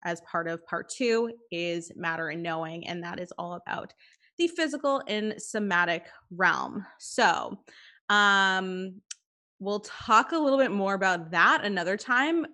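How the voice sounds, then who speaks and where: A woman's voice: mid-range voice, animated, a little slow, sharp tone. A woman co-hosting a podcast, explaining a course path in an upbeat, casual way with some fillers. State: short of breath. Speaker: course co-host.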